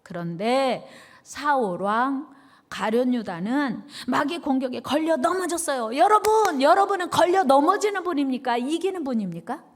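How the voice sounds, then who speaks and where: Woman pastor, animated sermon, high lively pitch, drives call-and-response. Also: normal speed. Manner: emphatic repetition.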